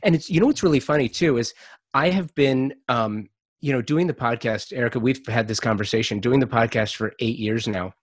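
A man's voice: medium pitch, fairly quick, dry recording, clean studio sound. A man hosting a podcast interview over a video call, often repeating words as he restarts his sentences. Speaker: podcast host. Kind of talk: casual interview.

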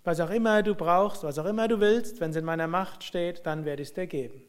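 Solemn king making a promise, slightly high voice, a guy doing him. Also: brisk, clean tone, lightly acted. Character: earnest king, devoted male student. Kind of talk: storytelling.

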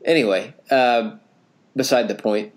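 A man's voice: medium pitch, unhurried. A man in his thirties telling a rambling, self-correcting anecdote in casual podcast chat. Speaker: podcast co-host.

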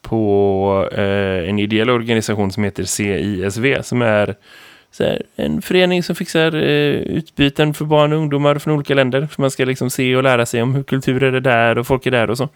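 A man in his thirties co-hosts a casual podcast. He tells a long, rambling anecdote with plenty of fillers and asides. His voice sits at an ordinary middle pitch and sounds close and dry, with no room echo. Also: smooth. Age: 30s. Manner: lively rambling storyteller, many fillers. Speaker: podcast co-host and teacher.

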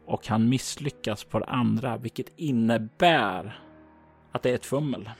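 A man narrating a tabletop role-playing game as game master, describing scenes and calling for dice rolls in a calm, measured way. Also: medium pitch, vocal fry, slightly rough, faint music behind.

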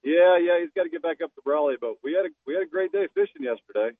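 A man's voice: on the high side, quick pace, vocal fry, no room sound. Man on a tinny speakerphone line. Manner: relaxed storytelling, laughing. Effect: phone speaker call. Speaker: guest caller. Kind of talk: casual chat. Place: in a car on speakerphone. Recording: tinny phone line, dry.

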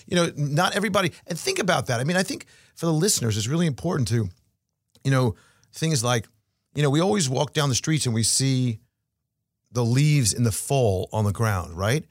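Male podcast host, conversational and reflective, even mid voice, dry close mic. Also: medium pitch, a little fast, dry recording. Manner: conversational, many fillers, reflective. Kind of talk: podcast interview.

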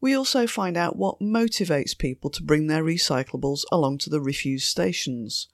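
A woman hosts a podcast while hoarse from a cold, her voice croaky but her reading measured and clear. The sound is dry and close, with no room around it. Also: low-pitched, no echo. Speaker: podcast host. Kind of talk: scripted podcast introduction.

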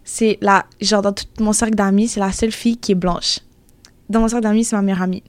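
A woman's voice: mid-range voice, fairly even intonation, quick pace, no echo. A young woman, talking animatedly in a casual discussion, laughing often and full of fillers. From Quebec. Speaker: panel guest.

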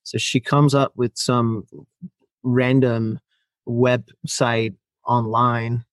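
Extremely slow and with little pitch movement, this medium-pitched voice belongs to a man from Finland, a native Finnish speaker. As a podcast guest in a casual storytelling interview he tells a long personal story, acting out quoted lines and laughing often, with no room sound.

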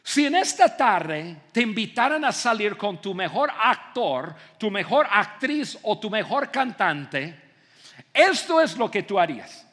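A man preaching a sermon in an auditorium, animated and acting out little scenes, often repeating words as he stumbles. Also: high voice, unhurried. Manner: animated, acts out scenes, frequent stammered repeats. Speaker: pastor. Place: large auditorium. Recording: reverberant hall.

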